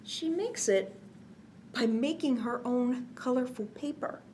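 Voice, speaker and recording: A woman leads a children's story time, reading a picture book aloud with expressive, sing-song emphasis and stopping to explain things and ask questions. Her voice is a little high, and there's a slight hiss or hum.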